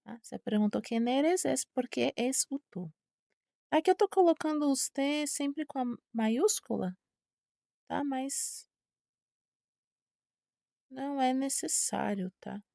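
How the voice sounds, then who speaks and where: Brazilian woman, teacher, slow patient delivery, slightly high, gravelly, dry close sound. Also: animated, warm tone, no echo. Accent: Brazilian Portuguese. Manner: patient, repeats words slowly, checks with "tá?". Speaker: Spanish teacher. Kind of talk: online language lesson.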